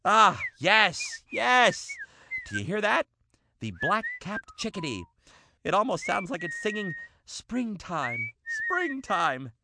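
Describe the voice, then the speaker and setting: A man voicing an excitable male dog who hosts a bird show, hammy and quick to lose his temper. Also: sits high, creaky, noisy background, heavily acted. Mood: showy. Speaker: show host. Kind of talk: cartoon voice acting.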